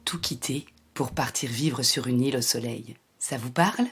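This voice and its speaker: A woman with a French accent hosting a podcast, reading a measured scripted intro and then chatting with her guest. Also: extremely low pitch, slightly rough, faint music behind. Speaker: podcast host.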